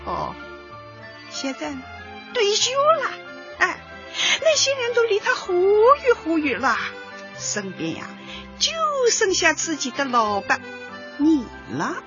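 An older woman voices a chatty, knowing granny neighbour who plays amateur analyst in a light comedy radio drama. Her high, fairly bright voice is slow, sing-song, and heavily acted, full of theatrical lamenting, drawn-out sighs and interjections. The audio is dull and lo-fi, with faint music.

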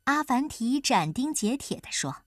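A woman narrating a children's folk tale in an expressive storytelling manner. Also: high-pitched, unhurried, dry recording, clean studio sound.

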